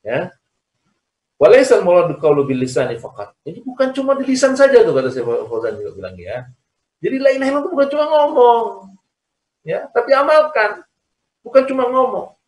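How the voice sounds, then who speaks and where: With a high, very animated, darkish voice, this Islamic teacher talks a little fast yet leaves long pauses. He leads a religious lesson via video call, restating points and asking "ya kan?" so listeners agree, and the sound is echoey and distant.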